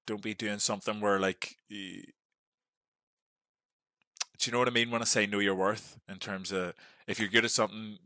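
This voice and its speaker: A deep-voiced young man with a Northern Irish accent talks casually as a podcast guest. His tone is bright and forceful. He pads his sentences with "like" and "you know", and the sound is dry and close. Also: dry recording. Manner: chatty, peppered with "like" and "mate".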